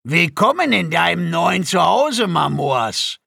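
Guy playing a big mean alien guard, loud and sneering, husky gravelly voice. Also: a little high, normal speed, no echo, studio quality. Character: brutish, mocking huge male alien guard.

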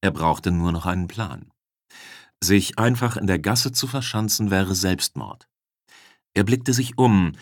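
A man reading an audiobook as its narrator, in a measured, dramatic way. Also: low voice, no echo, clean studio sound.

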